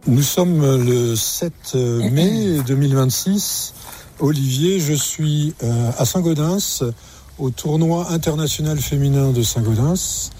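A man's voice: on the high side, takes it slowly, dark tone, slight background noise. A man reporting for radio from a tennis tournament and introducing his interviewee, somewhat hesitant. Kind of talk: field interview.

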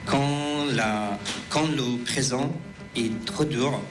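A man in his thirties with an Afghan accent reads his testimony at a very slow, careful pace. His voice sits at an ordinary middle pitch, and he stops and restarts words. Clear music plays behind him. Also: rough recording. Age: 30s. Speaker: refugee giving testimony. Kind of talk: reading a prepared testimony.

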